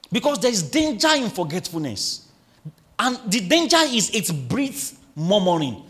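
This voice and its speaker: A male pastor preaching a sermon, drawing the congregation into call-and-response and reading scripture slowly with emphasis. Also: high voice, big pitch swings, a bit bright.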